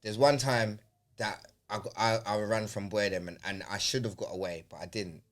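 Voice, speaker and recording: A man's voice: fairly low pitch, steady tone, normal speed, fairly bright tone. A man telling a story in casual, slangy chat. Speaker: podcast host.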